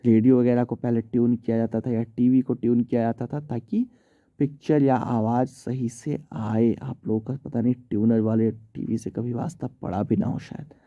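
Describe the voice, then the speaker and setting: Male tutor, informal explainer, very dark mellow voice, dry slightly muffled recording. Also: medium pitch, fairly even intonation, moderate pace, no echo. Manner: chatty, informal, often says "theek hai". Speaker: English teacher. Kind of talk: vocabulary lesson in Hindi.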